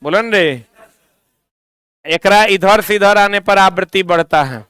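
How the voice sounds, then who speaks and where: A man's voice: high-pitched, a bit bright, smooth, no echo. Male teacher quizzing a class. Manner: quizzing students, repeating answers slowly; drifts into stern ranting. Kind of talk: classroom physics lesson.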